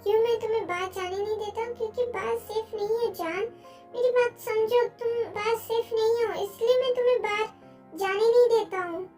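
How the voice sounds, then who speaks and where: A woman's voice: very high voice, fairly even intonation, brisk, recorded from a distance, music in the background, pitched above the performer's own voice. A woman voicing a possessive, pleading young man in a fan audio drama, speaking emotionally.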